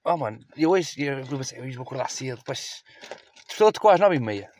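A man's voice: medium pitch, lively intonation, a little fast, a little mellow, a little hiss or hum. A young man with a European Portuguese accent in a casual podcast chat with friends, slangy and full of swearing. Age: young adult. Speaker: podcast co-host.

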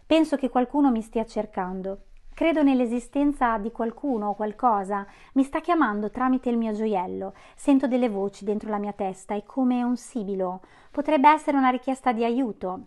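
A woman's voice: fairly high pitch, darkish tone, lightly acted. A woman voicing an earnest young girl who pleads urgently.

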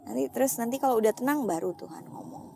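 Animated middle-aged woman telling a story. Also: fairly high pitch, fast talker, gravelly, background noise. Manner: animated storyteller who mixes in English phrases. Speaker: guest, lay preacher. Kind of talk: casual personal testimony.

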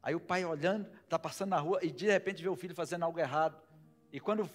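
A man with a Brazilian Portuguese accent preaching a sermon as pastor, swinging between loud emphasis and hushed asides and asking the congregation many rhetorical questions. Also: on the high side, quick pace, soft background music.

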